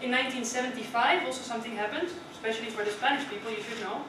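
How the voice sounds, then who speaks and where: Speaking rapid-fire in a voice on the high side, a young Dutch club speaker delivers a prepared, chatty talk, putting questions to her audience and frequently tacking on "right?". The meeting-room recording is distant, echoey and noisy.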